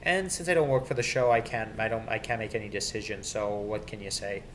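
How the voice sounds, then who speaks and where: In a casual, improvised video rant on kids' TV theme songs, a man shares his opinions loosely and repeats himself a lot. He speaks fairly quickly in a lowish, fairly even voice, recorded at home amateurishly with some background noise.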